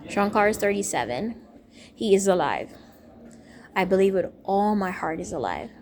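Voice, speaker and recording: A Jamaican woman in her thirties, a teacher and minister, delivers a rambling, stream-of-consciousness personal monologue, speaking emphatically and repeating herself. Her voice is medium-pitched and a little mellow, with big pitch swings and normal speed, over slight background noise.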